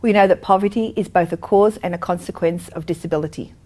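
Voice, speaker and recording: A woman giving a scripted narration in a measured, formal way. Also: on the low side, a little mellow.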